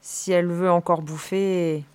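A woman's voice: fairly low pitch, steady tone, measured pace, clean tone, close to an everyday voice. A woman voicing a tense young man stranded on a raft, who speaks bluntly and curtly and swears. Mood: irritated.

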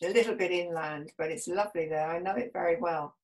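Woman, radio host, chatty, a bit low-pitched. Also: fast talker, rough recording. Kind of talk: casual chat.

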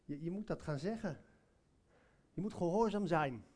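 A man's voice: fairly high pitch, expressive, normal speed, a little mellow. A man preaching a sermon, telling a personal story in a conversational way, with many hesitations and direct questions to listeners.

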